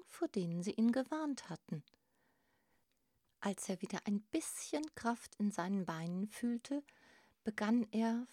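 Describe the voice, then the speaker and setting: A woman narrating a storybook in a gentle, expressive reading. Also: mid-range voice, no room sound, studio quality.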